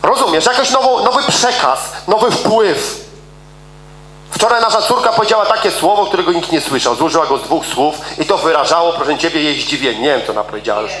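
Middle-aged male preacher, emphatic, repeats key words; slightly higher voice, echoey church hall. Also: lively intonation, fairly bright tone, slight background noise. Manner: emphatic, repeats words for stress, swings from fast to slow. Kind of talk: sermon.

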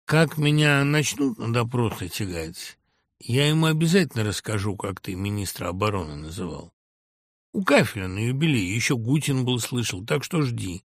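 A man reading an audiobook, voicing a calm, wry man who answers tersely and with quiet mockery. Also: mid-range voice, moderate pace, dry recording. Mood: dry terse. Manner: terse, dry, quietly mocking.

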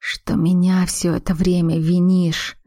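Deliver her a woman reading as an aging mother queen full of remorse: slow, weighty lines in a low register, close and dry. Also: level tone, warm tone, no room sound. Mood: remorseful. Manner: slow, heavy, measured speech. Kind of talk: audiobook character reading.

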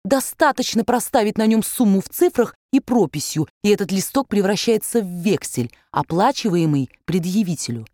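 Measured woman audiobook narrator. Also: mid-range voice, expressive, dark tone, no room sound, studio quality. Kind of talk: scripted literary narration.

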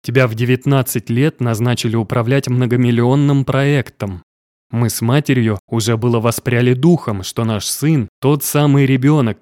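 A man's voice: mid-range voice, darkish tone, no room sound, studio quality, lightly acted. Stern middle-aged father, commanding and contemptuous, read by a man in a plain mid voice. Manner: harsh, commanding, scolding.

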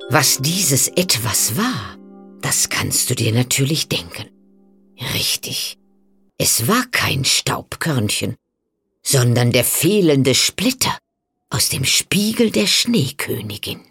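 A woman narrating a fairy tale in a slow, dramatic storytelling manner that speaks to the listener. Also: extremely low pitch, very animated, vocal fry, fairly bright tone, slightly rough. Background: faint music.

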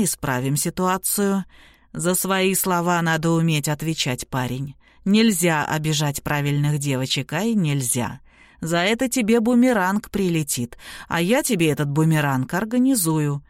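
A woman voicing a gruff male ex-convict who talks in a mocking, folksy drawl. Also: fairly low pitch, no room sound, studio quality.

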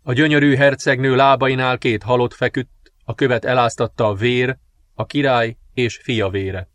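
A man narrating a dark fantasy audiobook with measured, dramatic storytelling. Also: mid-range voice, fairly even intonation, no echo.

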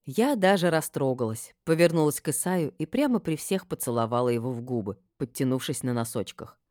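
A woman narrating a first-person audiobook with expressive delivery. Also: very deep voice, a little fast, no echo, clean studio sound. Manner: expressive, lively dialogue delivery.

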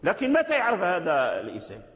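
A man teaching Quran recitation rules, explaining them slowly and deliberately and repeating key phrases. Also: high voice, huge pitch swings, a bit bright. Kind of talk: tajweed lesson explaining a didactic poem. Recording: echoey hall with long reverb.

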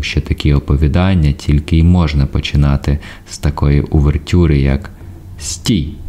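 A man reading a literary audiobook in a measured, even way. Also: rumbling low. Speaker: audiobook narrator.

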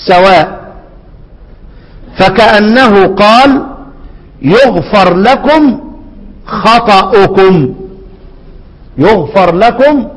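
High-voiced Egyptian sheikh teaching recitation. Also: male voice. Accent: Egyptian Arabic. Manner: quizzes listeners with repeated rhetorical questions; chants quoted verses slowly. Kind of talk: teaching lesson with call-and-response questions. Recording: hall reverb.

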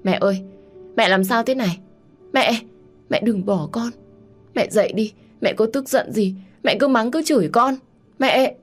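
A woman narrator voicing a grief-stricken young woman who pleads loudly with her dead mother in an audio story. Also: unhurried, few pauses, faint music behind. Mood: anguished. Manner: sobbing pleas, high and loud.

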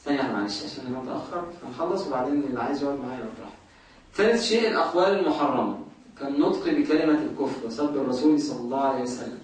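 Fast-talking Egyptian man lecturing in an echoey room. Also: mid-range voice, expressive, far from the mic. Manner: asks the class questions and answers them himself. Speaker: teacher of Islamic jurisprudence. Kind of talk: lecturing a class.

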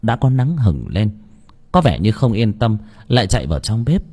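A man narrating an audiobook story with a dramatic, expressive delivery. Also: fairly low pitch, moderate pace, breathy edge.

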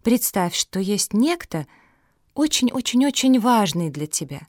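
A woman voicing a clever female pug who explains things gently and in measured words. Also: mid-range voice, sing-song, no room sound, studio quality. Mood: gentle.

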